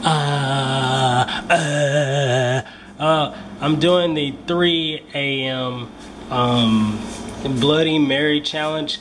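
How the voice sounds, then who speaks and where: Nervous young man vlogging, slow and halting. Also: on the high side. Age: young adult. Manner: nervous, jittery; slangy, profane. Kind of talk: casual horror-challenge vlog. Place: indoors at home at night, small rooms. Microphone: handheld camera at arm's length. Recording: noisy handheld camera, household hum.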